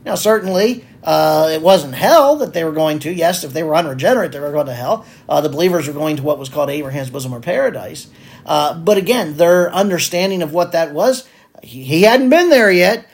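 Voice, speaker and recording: A man's voice: a little high, animated, brisk. A man preaching a sermon on a psalm, earnest and pleading, with many fillers and restarts.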